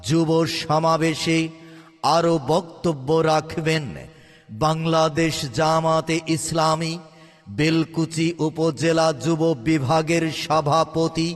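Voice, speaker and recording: Sing-song loudspeaker announcer man, slow and echoing. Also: a little high, monotone. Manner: sing-song chanting delivery. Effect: outdoor loudspeaker announcement. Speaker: campaign announcer. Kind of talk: public rally announcement. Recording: long reverb, faint background music.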